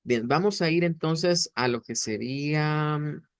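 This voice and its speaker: A man teaching a beginner language lesson, explaining slowly and patiently, with many fillers and restarts. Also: on the high side, smooth, no room sound, studio quality.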